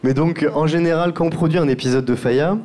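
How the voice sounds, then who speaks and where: A man's voice: on the high side, fairly quick, darkish tone. A man who produces podcasts, talking through his work in a round-table discussion and often restarting his phrases.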